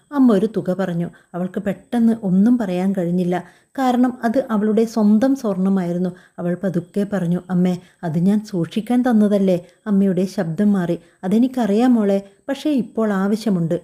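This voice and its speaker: Female storyteller, very dark mellow tone, calm even scripted narration. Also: mid-range voice. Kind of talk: scripted narration of a family drama.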